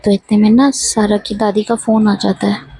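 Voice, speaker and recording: A woman retells a love story in a relaxed, chatty way, stumbling over names and correcting herself as she goes. Her voice is very husky and breathy, with a mellow, dark tone. She stays in a narrow, level pitch band throughout. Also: normal speed. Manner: chatty, with many fillers and self-corrections of names.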